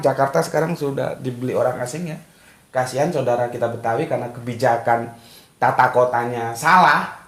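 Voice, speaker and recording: A man hosting a casual religious study talk, answering viewer comments in a lively, conversational way. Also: on the high side, echoey room.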